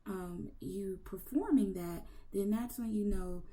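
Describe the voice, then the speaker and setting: A woman's voice: medium pitch, takes it slowly, mellow. A woman hosting an interview, asking long rambling questions in casual chat. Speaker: interview host.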